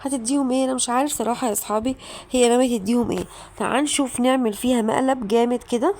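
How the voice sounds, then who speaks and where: Excitable Egyptian woman narrating gameplay. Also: fairly high pitch, very fast. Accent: Egyptian Arabic. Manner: excitable, chatty, talks straight to viewers with sudden shouted reactions. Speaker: gaming channel host. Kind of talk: mobile game playthrough commentary.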